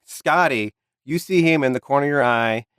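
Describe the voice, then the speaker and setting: A man narrating as game master in a halting, easygoing manner. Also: medium pitch, fairly bright tone, clear, resonant tone, dry recording, studio quality. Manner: halting, restarts, laughs along.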